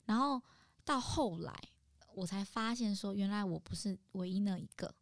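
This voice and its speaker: A woman's voice: medium pitch, moderate pace, no echo, clean studio sound. A young woman co-hosting a casual chat, telling a story with animation and acting out the people she quotes in a coy sing-song voice. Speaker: podcast co-host.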